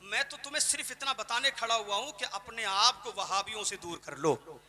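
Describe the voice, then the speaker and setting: A man preaching an impassioned sermon from an outdoor stage, swinging between shouted declarations and low, quick asides. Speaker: Islamic preacher. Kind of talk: fiery sermon. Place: outdoor stage at a religious gathering. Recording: echoey open-air PA sound.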